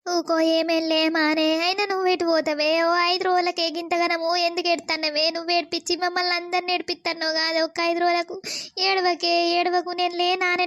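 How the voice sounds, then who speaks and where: A caring elder aunt, high-pitched. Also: female voice, fairly bright tone, no echo, clean studio sound. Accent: Telangana Telugu. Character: kindly elder aunt figure. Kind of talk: cartoon voice acting.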